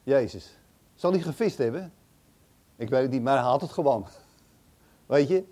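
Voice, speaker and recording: Mellow-voiced man reading and musing on scripture. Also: medium pitch, animated, moderate pace. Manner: thinks aloud, hesitant, conversational asides. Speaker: Bible teacher. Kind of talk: casual Bible reading with commentary.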